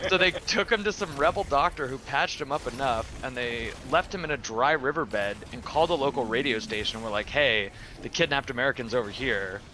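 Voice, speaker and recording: A man's voice: mid-range voice, expressive, fairly quick, few pauses, crowd noise. A man in a casual online voice chat telling a rambling anecdote, full of fillers and swearing. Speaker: storyteller in a gaming group chat.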